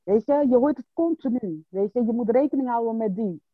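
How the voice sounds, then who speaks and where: Woman coach explaining patiently, kinda high voice, sounds like a phone line. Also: lively intonation, fairly quick, no room sound. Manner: explains patiently with frequent "snap je?" and "weet je". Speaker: coach and workshop teacher. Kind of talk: casual podcast conversation.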